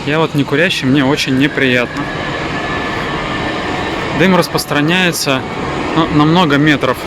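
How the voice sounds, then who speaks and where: A man's voice: fairly high pitch, a little slow. A man giving a casual walk-through tour commentary as a vlogger on location. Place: on location in and around an airport. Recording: loud ambient noise behind voice.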